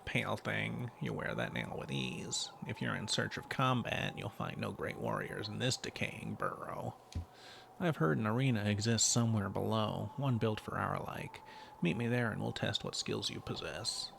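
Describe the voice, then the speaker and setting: A man voicing a brash male warrior in a video game, speaking deep and taunting. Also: very animated, normal speed, gravelly, fairly bright tone, a little hiss or hum, exaggerated voice. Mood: challenging.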